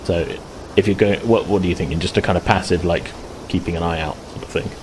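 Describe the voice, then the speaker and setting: A man with a low, steady voice runs a tabletop game as game master, narrating quickly and casually. He thinks aloud in loose, hesitant phrases. The recording is clear, with some background noise and room ambience.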